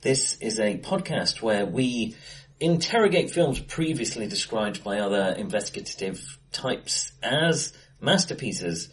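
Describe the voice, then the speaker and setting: Face to face in an indoor room with bright, live acoustics, a man co-hosts a casual film-discussion podcast. His lowish voice is animated and measured in pace, and the recording is rough.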